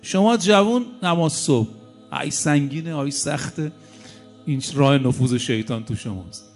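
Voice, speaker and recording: A male preacher in his fifties delivering a sermon, lively and conversational, dropping asides and rhetorical questions into his stories. His voice sits somewhat high for a man, and faint music plays underneath.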